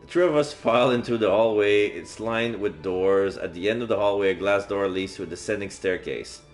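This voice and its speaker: A man with a rather low voice reads a visual novel aloud on a stream at a brisk pace, tossing in casual asides as he plays. Faint game music sits behind his voice.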